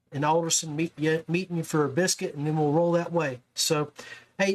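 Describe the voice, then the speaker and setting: This man has a high voice and the audio is poor. He's a West Virginia podcast host talking with anglers in a relaxed, folksy, buddy-buddy way, frequently calling them "man" and "brother."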